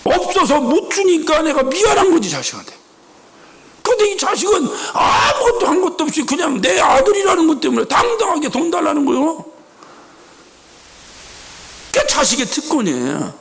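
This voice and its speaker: A middle-aged male pastor delivers an emphatic church sermon, firing rhetorical questions and acting out little quoted scenes. His voice sits very high for a man and swings widely in pitch. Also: huge pitch swings, normal speed, gravelly, pauses often, noisy background. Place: church sanctuary.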